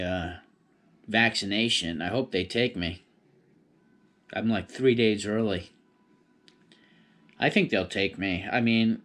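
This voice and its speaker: A man's voice: lowish voice, fairly bright tone. A man chatting casually on his own in a rambling, laid-back stoner manner. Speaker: vlogger. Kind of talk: casual solo rambling chat.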